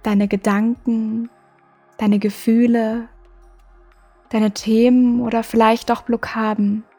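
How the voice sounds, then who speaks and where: Soft, even-voiced woman guiding a meditation. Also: a little high. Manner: soft, slow, soothing delivery with long pauses. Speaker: meditation podcast host. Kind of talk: guided meditation. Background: music.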